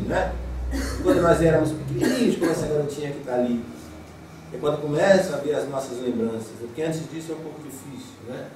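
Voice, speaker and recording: A man's voice: on the high side, a little hiss or hum. Brazilian man lecturing in an echoey hall. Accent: Brazilian Portuguese. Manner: conversational, frequent rhetorical "né?". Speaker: spiritist lecturer. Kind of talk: spiritist lecture. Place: spiritist center lecture hall. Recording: echoey hall mic heard from a distance.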